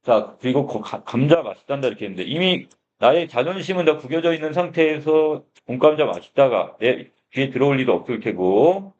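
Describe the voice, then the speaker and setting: A man's voice: medium pitch, animated, fairly quick, hardly any pauses, darkish tone. A male literature teacher explaining a short story in a lecture. He opens phrases with a repeated filler and asks questions that he answers himself. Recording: dull lo-fi sound.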